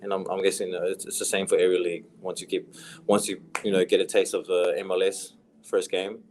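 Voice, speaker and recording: Deep-voiced young New Zealand man. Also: level tone, quick pace, darkish tone, slight background noise. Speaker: professional footballer guest. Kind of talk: casual podcast interview.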